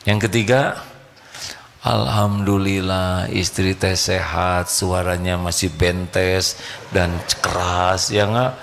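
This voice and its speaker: A man delivers a live sermon, joking with the congregation and quizzing them. His voice is low and gravelly, and he speaks at an unhurried pace, with faint room ambience behind him. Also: flat delivery, a bit bright, slight background noise. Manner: humorous, quizzes the audience. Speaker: preacher. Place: live religious gathering.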